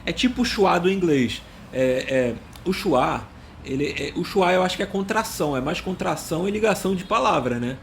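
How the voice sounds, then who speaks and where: Man, slightly high voice, joking monologue full of stumbles and self-mockery, faint background hiss. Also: expressive, moderate pace, creaky. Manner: rambling, self-mocking, stumbles and searches for words. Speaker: language video host. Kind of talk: casual comedic monologue.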